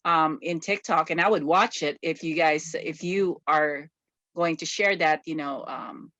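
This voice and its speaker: A Filipino woman hosts a casual interview conversation, enthusiastic and gushing with praise. Her low-pitched voice is unhurried and a bit bright, with no echo.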